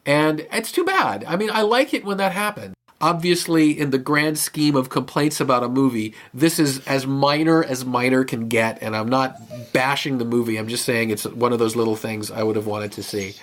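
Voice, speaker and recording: A man's voice: medium pitch, normal speed. Chatty male podcast co-host. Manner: enthusiastic, rambling with restarts. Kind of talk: casual chat.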